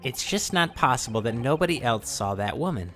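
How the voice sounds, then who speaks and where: Male let's-play co-host with a sore throat; wry, animated, thinking out loud. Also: medium pitch, fairly quick, soft background music. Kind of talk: casual gameplay commentary.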